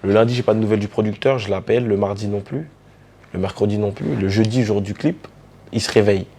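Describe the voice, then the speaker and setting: A man from the French Caribbean, a DJ and artist telling stories in a relaxed interview, with many fillers and restarts. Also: lowish voice, fast talker, slight background noise. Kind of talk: casual storytelling interview.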